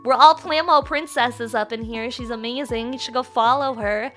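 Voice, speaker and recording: A woman with a very high, bright voice hosts a livestream. She talks in a cute, bubbly anime-streamer manner, casual and excitable as she banters with viewers. Faint music plays behind her. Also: moderate pace. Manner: crude, playful swearing banter. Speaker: live streamer host.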